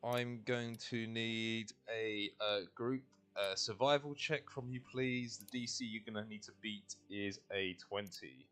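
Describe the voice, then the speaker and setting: A man working as game master, improvising narration in a halting, casual way as he searches for words. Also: on the low side, fairly even intonation, fairly bright tone, clear, resonant tone.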